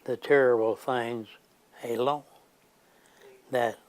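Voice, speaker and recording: A very old man reminisces as a veteran. He speaks slowly, at a middling pitch, in the halting, rambling way of a grandfather telling a long story. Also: fairly even intonation. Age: 90s. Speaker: war veteran recounting his service.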